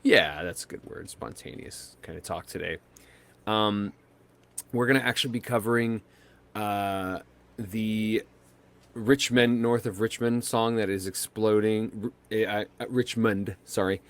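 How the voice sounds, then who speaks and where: An American man co-hosts a podcast, chatting casually in a rambling, hesitant way full of fillers and restarts. His voice sits on the low side, with a steady tone and a slightly slow pace.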